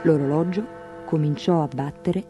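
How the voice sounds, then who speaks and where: A woman storyteller reading a fairy tale aloud in a measured, expressive way. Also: low voice, over music.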